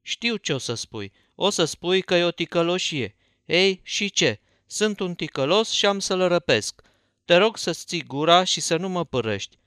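Un bărbat care dă glas unui adolescent țanțoș și teatral, dintr-un audiobook. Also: male voice, high-pitched, lively intonation, a bit bright, no echo, studio quality, voice pushed up. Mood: scheming. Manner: theatrical, smooth-talking. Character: cocky, showy teenage boy.

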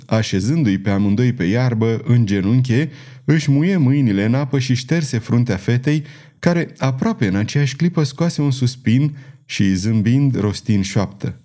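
Man narrating an audiobook, dark mellow voice, dramatic measured reading. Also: mid-range voice, animated. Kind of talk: scripted narration.

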